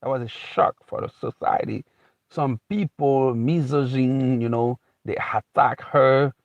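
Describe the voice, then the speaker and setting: Speaking at a measured pace in a steady, medium-pitched voice, a man from Haiti who lives in America gives an off-the-cuff motivational talk. It's rambling and repetitive, with many restarts and "you know"s. The recording is muffled, with no room sound.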